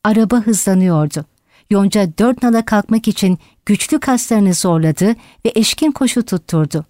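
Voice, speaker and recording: A woman narrating an audiobook in a steady, dramatic reading style. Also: mid-range voice, normal speed, dry recording, clean studio sound. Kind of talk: scripted narration.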